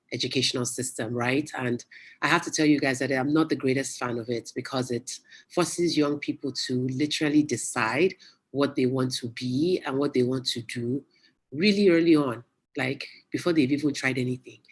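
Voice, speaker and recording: A guest speaker giving a casual, chatty motivational talk to young people over a video call, telling stories with lively exclamations. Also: medium pitch, husky. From United States. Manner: chatty, animated storyteller with local exclamations. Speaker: guest speaker at youth webinar.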